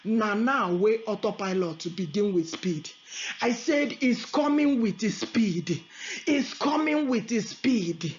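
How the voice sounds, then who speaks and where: A darkish, mid-range female voice, animated yet slow, carries a fervent prophetic sermon and prayer in an Igbo-inflected Nigerian accent. Her delivery is emphatic and repetitive, code-switching across Igbo, English and Pidgin, and the audio is dull and lo-fi.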